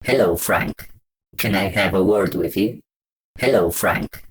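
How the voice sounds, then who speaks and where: A sound designer reading short demo lines through a robotic, droid-like voice filter. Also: male voice, low-pitched, a little slow, husky.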